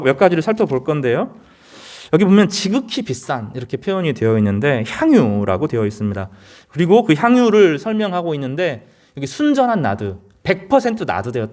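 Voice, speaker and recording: A man's voice: on the high side, a little mellow. A man preaching a sermon as pastor, earnest, with rising emphasis and frequent hesitation fillers.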